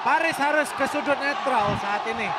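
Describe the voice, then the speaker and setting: A man's voice: very high voice, normal speed. A man commentating a fight like an announcer, emphatic and repeating key phrases. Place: live fight event arena. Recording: noisy live arena, crowd behind.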